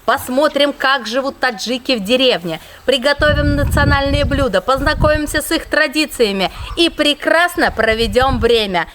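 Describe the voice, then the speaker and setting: A woman's voice: high voice, normal speed, few pauses. A woman hosting an upbeat travel vlog, chatting enthusiastically and exclaiming as she addresses her viewers as friends. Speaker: travel vlogger and host. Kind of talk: upbeat vlog chat to camera and with villagers. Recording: loud vehicle and outdoor ambient noise.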